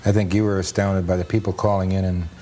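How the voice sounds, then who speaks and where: A man with a low, dark voice talks fast in a level tone as an interview guest. An author and amusement park enthusiast, he explains things plainly, like a fan narrating old film, giving interview answers and film commentary.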